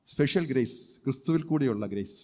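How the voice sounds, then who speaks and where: A male pastor preaching a sermon emphatically, firing rhetorical questions and breaking into loud cries of praise. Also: medium pitch, animated, quick pace. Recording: long hall reverb.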